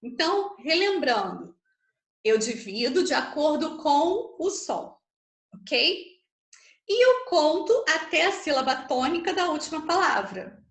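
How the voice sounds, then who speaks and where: A woman's voice: sits high, big pitch swings, a little slow, echoey room. A Brazilian woman teaching an online literature class, explaining patiently and checking in with tag questions as she counts syllables aloud. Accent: Brazilian Portuguese.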